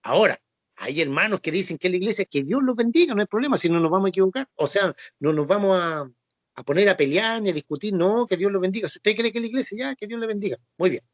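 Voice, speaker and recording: A man's voice: sits high, lively intonation, quick pace, no room sound. Patient Chilean man teaching a Bible class. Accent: Chilean Spanish. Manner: patient and repetitive, with frequent "¿no es cierto?" and "ya" checks. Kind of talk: Bible class explanation with quiz questions.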